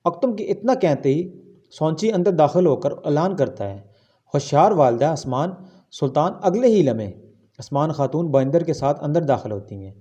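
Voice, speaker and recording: A man's voice: fairly high pitch, big pitch swings, mellow, dull audio. A man narrating a scripted recap of a drama episode, reading the story straight through.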